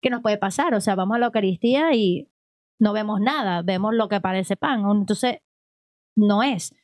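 A middle-aged woman talks through religious ideas in a loose, rambling way, checking in with her listener as she goes. Her voice sits at an ordinary pitch for a woman. The recording is dry and close, with no room around her. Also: moderate pace, dry recording. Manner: animated, rambling, frequent "o sea" and "¿ok?". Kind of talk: casual religious conversation.

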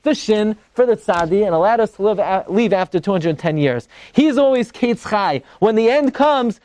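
A man with giving an animated religious class as a rabbi, emphatically posing questions and answering them. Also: sits high, moderate pace. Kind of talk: animated Torah lecture.

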